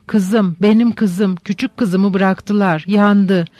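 A frantic, sobbing mother pleads in a rush of words, as a man reading a storybook puts her on. The voice sits high and the sound is close and dry, with no room around it. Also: steady tone, darkish tone, no echo. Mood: sobbing pleading. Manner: sobbing, rapid pleading speech.

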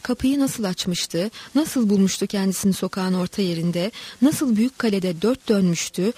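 A woman narrating a literary story in a steady, dramatic reading voice. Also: medium pitch, moderate pace, slightly rough.

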